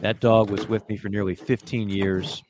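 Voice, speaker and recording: A man co-hosting a sports radio show, telling a long personal story in a casual, animated way. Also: lowish voice, normal speed, background noise. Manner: animated storyteller who acts out quoted voices.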